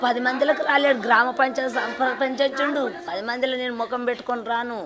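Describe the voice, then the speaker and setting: A woman's voice: sits high, fairly even intonation, quick pace, a crowd in the background. An older woman with a Telangana Telugu accent, grief-stricken, lamenting and repeating herself as she tells of losing her daughter. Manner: lamenting, repeats phrases, sobbing laughs. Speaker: victim's mother. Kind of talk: grieving interview.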